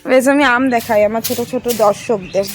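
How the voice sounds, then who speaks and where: A woman with a Bengali accent vlogging in a casual, chatty way, loud and animated, sometimes dropping to a hushed aside. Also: on the high side, moderate pace, music in the background. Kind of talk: casual vlog chat.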